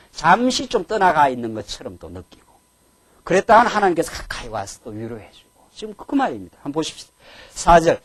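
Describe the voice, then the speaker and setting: A man, preaching a Bible lecture sermon. He acts out scolding lines and swings between loud outbursts and hushed, earnest words. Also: fairly high pitch, breathy edge, no room sound. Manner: lively, acts out God's and a father's scolding lines. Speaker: pastor.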